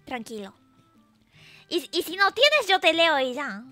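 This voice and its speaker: High bright playful woman streamer. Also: very animated, unhurried, dry recording, faint music behind. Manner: playful, teasing, reads chat aloud. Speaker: VTuber streamer. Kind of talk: casual livestream chat.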